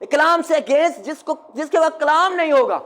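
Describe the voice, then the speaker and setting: A man preaching a sermon as pastor, quizzing his congregation and having them call the answers back, at times breaking into shouts. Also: extremely high pitch, animated. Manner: bursts into shouting.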